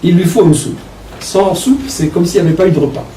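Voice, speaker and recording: Older belgian guy, author reminiscing, slow halting restarts, echoey room, faint hum behind. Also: sits high, warm tone, far from the mic. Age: 60s. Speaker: author talking about his book. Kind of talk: personal storytelling talk.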